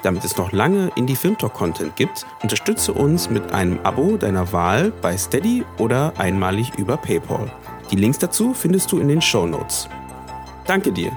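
A man's voice: fairly low pitch, sing-song, normal speed. A man reading a friendly announcement for a podcast, in a scripted way. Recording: announcement with music behind.

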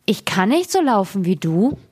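A woman voicing a pleading male frog from a fairy tale, who talks slowly and insistently. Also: mid-range voice, sing-song, a little mellow, slightly rough. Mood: coaxing.

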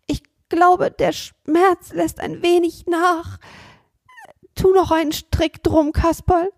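A woman voicing a simple, good-natured boy from a storybook. He speaks eagerly, high in pitch, close and dry. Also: steady tone, takes it slowly, darkish tone, dry recording, full character voice. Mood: relieved.

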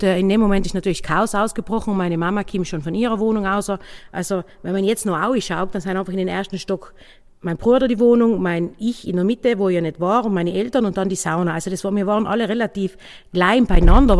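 A woman innkeeper with a South Tyrolean German accent, telling her own story in a halting, casual way, often searching for words. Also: medium pitch, a little mellow, in a large hall. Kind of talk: personal account, casual spoken.

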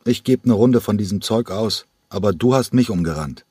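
A man reading an audiobook and voicing a calm, gentle male ballet director who speaks mildly and politely. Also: lowish voice, moderate pace, slightly rough, dry recording, studio quality, pitched above the performer's own voice. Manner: mild, polite. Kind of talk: audiobook character voice.

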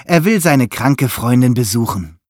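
A man reading a children's story aloud in a lively, expressive way. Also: medium pitch, measured pace, no room sound, studio quality. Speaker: narrator.

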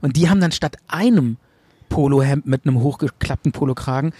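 A young man co-hosting a podcast, telling a dream story in an animated way and acting out the people in it. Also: mid-range voice, fairly quick, breathy edge, no echo. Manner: animated storyteller, acts out quoted voices, many restarts. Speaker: podcast co-host. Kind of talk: casual chat, telling a dream.

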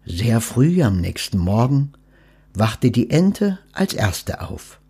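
A man's voice: mid-range voice, very animated, slow pace, husky. A man hosting a podcast, reading a children's story aloud and then reflecting thoughtfully on death and letting go. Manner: thoughtful, gently instructive.

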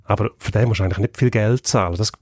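Swiss german guy, blunt hockey pundit, lowish voice, dry close sound. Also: racing, darkish tone, slightly rough, dry recording. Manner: blunt, scornful opinions. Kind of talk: casual podcast chat.

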